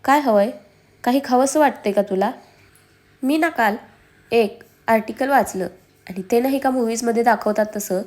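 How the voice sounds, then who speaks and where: A woman's voice: fairly high pitch, normal speed, long pauses, darkish tone, lightly acted. A woman voicing a young husband in a storybook, fond and teasing but easily exasperated.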